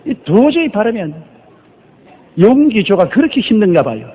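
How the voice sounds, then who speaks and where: An older man preaching a sermon as a pastor, telling stories with rhetorical questions and drawn-out emphasis. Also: high voice, very animated, slight background noise. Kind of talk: sermon, Bible exposition. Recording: lo-fi recording with long reverb.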